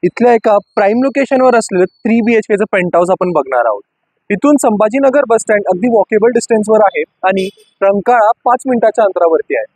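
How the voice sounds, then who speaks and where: A man's voice: high voice, expressive, brisk, a little mellow, breathy edge, dry recording, low-quality recording. A man guiding a property walkthrough room by room, as a real estate agent. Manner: guiding, pointing things out room by room.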